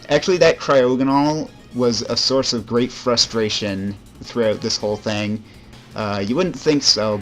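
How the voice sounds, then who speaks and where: A man's voice: on the low side, fairly bright tone. A young man giving casual, rambling commentary over a video game, with frequent fillers and self-deprecating asides. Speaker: let's play commentator.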